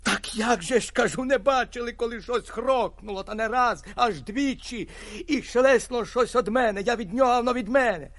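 A man voicing a garrulous 56-year-old hunter who tells a tale with lively exclamations. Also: extremely high pitch, fairly quick, dry recording. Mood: excited. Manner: lively storytelling, animated exclamations.

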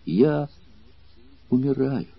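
A dying young man murmurs tenderly, weak and halting, as a man reading the story voices him. The voice drops quiet, and the recording is dry and dull. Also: mid-range voice, lively intonation, gravelly, slightly rough, no echo, voice pushed up, exaggerated voice. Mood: faint.

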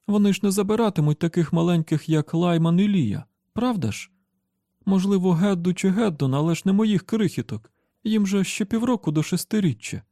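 A man voicing a frightened village mother, raising his voice into a high, pleading tone. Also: lively intonation, very slow, hardly any pauses, warm tone, no room sound, studio quality, exaggerated voice.

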